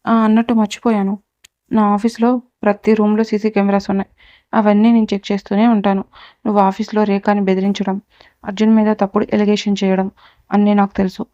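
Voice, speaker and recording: A woman voicing a cold, powerful young businessman who lays out accusations and threats in a steady voice. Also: mid-range voice, fairly quick, no echo, close to an everyday voice. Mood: threatening. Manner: coolly menacing, lays out accusations. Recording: dull, dry recording.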